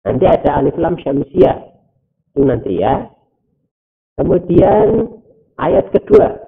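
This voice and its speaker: Man teaching recitation, gravelly voice, very lively pitch, tinny phone-like sound. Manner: slow, deliberate, drawn-out recitation with repetition; explains rules step by step. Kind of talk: recorded teaching video.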